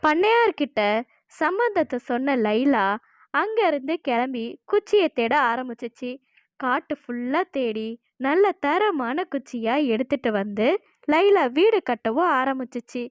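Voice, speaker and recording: Woman, children's storybook narrator, high voice, dry close sound. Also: big pitch swings, unhurried, no echo.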